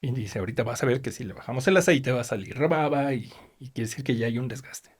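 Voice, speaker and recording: A middle-aged race team chief mechanic with a Mexican accent tells stories in a casual interview, animatedly acting out what other people said. His medium-pitched voice is slightly rough, and he talks fast.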